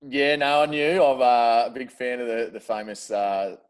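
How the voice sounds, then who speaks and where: A man's voice: mid-range voice, fairly even intonation, normal speed, crowd noise. An Australian man in his thirties, a podcast guest telling stories in casual chat, with lots of "uh" fillers and casual swearing. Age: 30s. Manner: chatty storyteller, frequent "uh" fillers, casual swearing.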